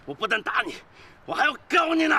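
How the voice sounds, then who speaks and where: A man's voice: very high-pitched, sing-song, fast talker, slight background noise, exaggerated voice. An enraged wronged man. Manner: shouting, enraged. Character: furious wronged man threatening to sue.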